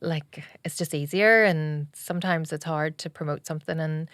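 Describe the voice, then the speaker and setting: A woman's voice: sits low, moderate pace, fairly bright tone, dry recording, clean studio sound. A woman in her thirties with a Northern Irish accent, chatting as a podcast guest in a rambling, talkative way. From Northern Ireland. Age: 30s. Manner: chatty, rambling with lots of "like" and "you know". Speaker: podcast guest, salon owner. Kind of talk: casual chat. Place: podcast studio.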